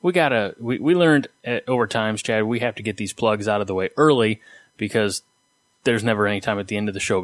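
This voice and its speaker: A man co-hosting a podcast, a baritone with a jokey, upbeat manner in casual chat. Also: no room sound. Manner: upbeat, jokey, lively plugs. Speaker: podcast co-host.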